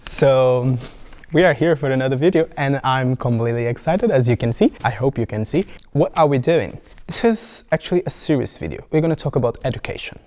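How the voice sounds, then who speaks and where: Speaking a little fast, this young man has a medium-pitched, animated voice with a darkish tone. A vlogger whose first language is Portuguese, he chats to camera in a Brazilian accent, playfully rambling with lots of restarts.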